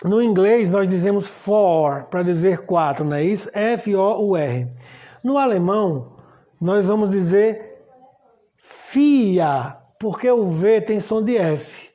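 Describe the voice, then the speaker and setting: Slow, patient Brazilian woman teaching. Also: mid-range voice, dark tone. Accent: Brazilian Portuguese. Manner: patient, spells out letters one by one and checks in with the class. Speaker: language teacher. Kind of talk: explaining a language lesson at a board.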